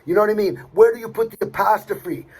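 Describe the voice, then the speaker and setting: Blunt streetwise man, high husky voice. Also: quick pace, darkish tone. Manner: blunt, streetwise, swears, repeats himself. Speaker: motivational speaker. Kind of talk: motivational monologue to camera.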